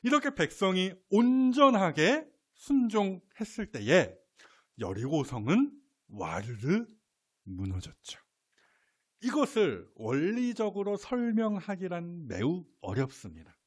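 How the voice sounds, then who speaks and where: A middle-aged male pastor giving a lively sermon, playfully acting out shouts. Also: high voice, slow pace.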